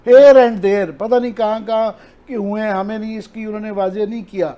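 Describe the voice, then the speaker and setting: High, mellow-voiced Pakistani analyst. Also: male voice, steady tone. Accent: Pakistani Urdu. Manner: earnest, explanatory, mixes English terms. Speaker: political analyst. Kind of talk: analysis on a talk show.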